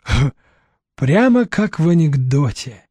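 A man's voice: on the high side, sing-song, slow pace, darkish tone, dry recording, full character voice. Man doing a sneering slick young thug. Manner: menacing, sneering, hissing.

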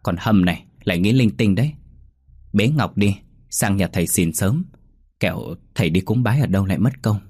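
A man voicing a blunt, quick-tempered young woman who scolds her friend, in a spoken ghost story. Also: fairly low pitch, a little mellow, slightly rough, no echo. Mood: brusque.

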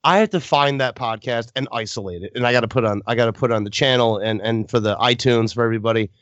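A man's voice: medium pitch, quick pace, a bit bright, dry recording, muffled recording. A man hosting a casual podcast chat, rambling, swearing and laughing often. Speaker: podcast host.

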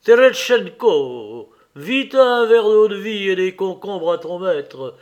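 A man doing a hearty, booming captain who loves the ring of his own thunderous voice. He calls loudly and high for drinks and orders people about. The lines land forceful and raised. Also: very animated, unhurried, highs cut off, exaggerated voice. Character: loud hearty male army captain, gambler.

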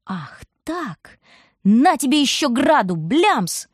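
A woman's voice: sits high, big pitch swings, slow pace, slightly rough, no room sound, studio quality, pitched above the performer's own voice, full character voice. A woman voicing a cruel, mocking storm wind in an audiobook, teasing and boastful. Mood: taunting. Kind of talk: audiobook reading.

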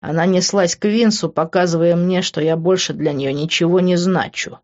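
A woman reading a first-person audiobook in a steady, expressive way. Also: lowish voice, normal speed, highs cut off. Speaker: audiobook reader.

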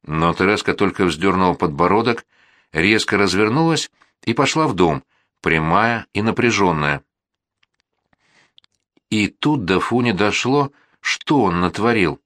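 A man narrating a children's story as an audiobook in an even storytelling manner. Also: low voice, measured pace, no room sound, studio quality.

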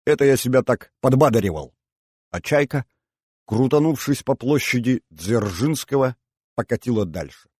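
This audiobook narrator is male, telling the story at an even, measured pace. His pitch is mid-range, with no room reverb and a clean studio finish.

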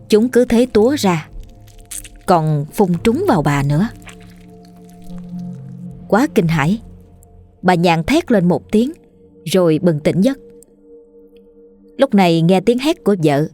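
A woman reading a scripted horror story in a steady, suspenseful way. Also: fairly low pitch. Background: faint music.

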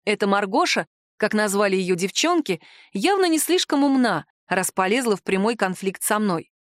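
Expressive woman narrating an audiobook. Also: medium pitch, moderate pace, dry recording, clean studio sound. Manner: lively, expressive reading. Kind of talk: first-person fantasy audiobook narration.

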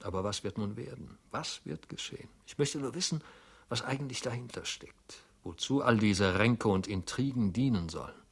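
A man's voice: lowish voice, animated, normal speed, creaky, breathy edge, exaggerated voice. A man playing a fretful, muttering old-style clerk. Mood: uneasy. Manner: muttering to himself, swinging between loud and hushed. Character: anxious fretful male clerk, middle-aged, self-reproaching.

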